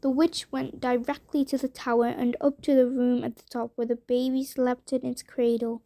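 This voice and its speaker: A woman narrating a bedtime story for children in a gentle, deliberate way. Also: high voice, level tone. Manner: slow, gentle, deliberate reading.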